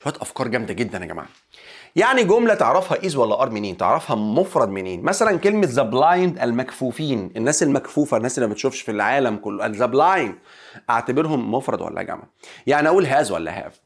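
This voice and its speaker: Egyptian guy teaching english online, talks super fast, lively, answers his own made-up student questions. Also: mid-range voice. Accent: Egyptian Arabic. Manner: animated, acts out student questions in asides. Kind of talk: online lesson.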